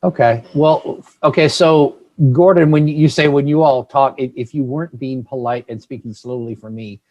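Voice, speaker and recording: A man's voice: medium pitch, steady tone, highs cut off. American man as panel moderator, stumbling, restarting questions, video call audio. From United States, Virginia. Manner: halting, self-correcting questions with frequent laughs. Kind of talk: casual moderated panel discussion.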